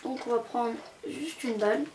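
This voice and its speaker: A young woman who hosts a gaming channel tours a video game with casual, rambling, hesitant commentary. Her voice is fairly high and her pace moderate. It's an amateur home recording with background noise.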